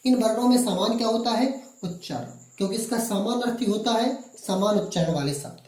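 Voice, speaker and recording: Guy from madhya pradesh teaching grammar, asks then answers himself, soft mellow tone, echoey room. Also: high-pitched. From Madhya Pradesh, India. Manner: asks questions and answers them himself, repeating key words. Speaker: English teacher. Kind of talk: classroom-style grammar lesson.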